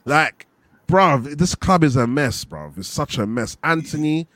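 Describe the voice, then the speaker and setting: A man's voice: fairly high pitch, lively intonation, a little slow, crowd noise. A young man with a London roadman accent, venting emphatically in slangy, casual football fan chat. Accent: London, urban street slang (roadman). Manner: slangy, emphatic venting with repeated tag questions.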